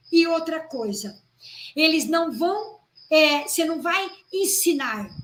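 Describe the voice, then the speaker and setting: High-voiced woman teaching in an echoey room. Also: fairly bright tone, slight background noise. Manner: addresses the audience as "gente", checks with "né?" and "ok?". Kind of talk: lecture on classroom activities.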